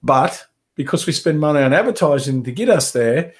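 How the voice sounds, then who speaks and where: A man's voice: fairly high pitch, lively intonation, normal speed. A man with a head cold and a fading voice, rambling casually through a live webinar Q&A from his home office. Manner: casual, rambling, with many fillers and restarts. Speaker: carpet cleaning business coach.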